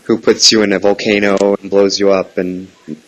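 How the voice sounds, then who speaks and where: On a phone call, a man pranking someone asks rambling, casual questions, hesitant in how he speaks but persistent. His voice sits on the low side, with a flat delivery at a moderate pace, and the recording is rough.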